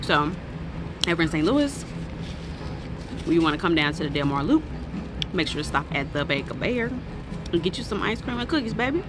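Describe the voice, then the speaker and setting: A woman's voice: on the low side, very animated, normal speed, long pauses, over music. A woman vlogging casually on her phone, chatty and playful, calling her viewers baby and child. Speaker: travel vlogger. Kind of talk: casual vlog chat.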